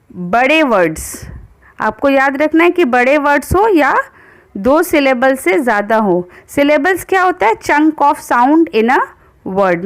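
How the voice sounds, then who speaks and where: A grammar teacher talks in a high voice, taking her time over every word. She reads each rule out deliberately, then explains it plainly in Hindi. She asks her own questions and answers them at once. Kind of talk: explanatory lesson.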